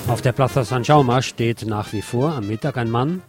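A middle-aged man reads a scripted satirical radio column of commentary and literary reportage, adding ironic, theatrical emphasis. His medium-pitched voice moves at a normal speed, with music playing behind it.

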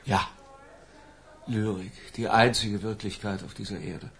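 Low-voiced, theatrical lovesick professor Humbert. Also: male voice, level tone, measured pace, a bit bright. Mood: declaiming, rapturous. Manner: hesitant, stammering, theatrically declaiming. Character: lovesick, feverish older professor, pleading and florid. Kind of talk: radio drama acting.

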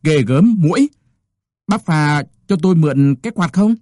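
A man doing a gruff scolding old midwife. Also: mid-range voice, expressive, moderate pace, mellow, no room sound, studio quality, lightly acted. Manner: scolding, curt.

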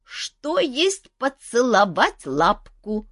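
A woman's voice: a little high, sing-song, a bit bright, no room sound, clean studio sound, voice pushed up, exaggerated voice. A woman voicing a curious, childlike female dragon who speaks in broken sentences. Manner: broken grammar, slow wondering questions.

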